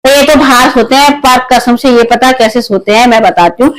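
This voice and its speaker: A woman from Uttarakhand in her thirties, loudly and chattily vlogging her day at home and in the kitchen while feeling a bit unwell. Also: fairly high pitch, brisk, low-quality recording. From Uttarakhand, India. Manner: loud, talkative, says she speaks loudly by habit. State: unwell, tired. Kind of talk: casual home vlog chat. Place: small home rooms and kitchen. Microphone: clip-on mic at times, later phone camera without it.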